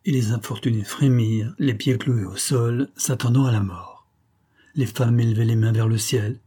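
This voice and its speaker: A man reading an adventure novel aloud in a measured storytelling voice. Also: mid-range voice, steady tone, dark tone, husky. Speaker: audiobook reader. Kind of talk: scripted narration.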